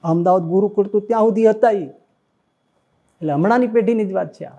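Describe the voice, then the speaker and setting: A man, a swami, giving a devotional sermon that he tells as a story, with animated and emotional exclamations. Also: sits high, moderate pace, muffled recording. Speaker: swami preaching.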